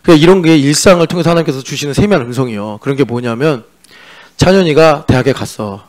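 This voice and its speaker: Joking Korean pastor, fairly high voice. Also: male voice, quick pace. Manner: conversational and joking, teasing the congregation; mixes in sung-style English lyric lines. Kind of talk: sermon. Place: church sanctuary.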